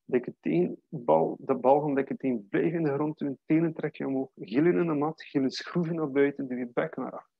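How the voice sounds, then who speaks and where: A man guiding a yoga class, calmly cueing breath and posture in a steady way. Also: fairly high pitch, moderate pace, vocal fry, no room sound, highs cut off. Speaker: yoga teacher. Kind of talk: guided yoga class instruction.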